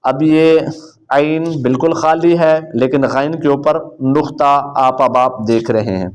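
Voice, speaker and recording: A man teaching beginners the Arabic letters, drawing out each letter name in a slow chant between quick explanations. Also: medium pitch, a little mellow, clear, resonant tone. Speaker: Quran teacher.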